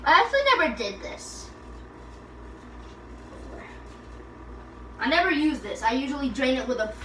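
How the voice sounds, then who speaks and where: Bright-voiced young woman vlogger. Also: sits high, lively intonation, moderate pace, slight background noise, low-quality recording. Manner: rambling, self-correcting storytelling. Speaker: cooking vlogger. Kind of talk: casual chat while cooking.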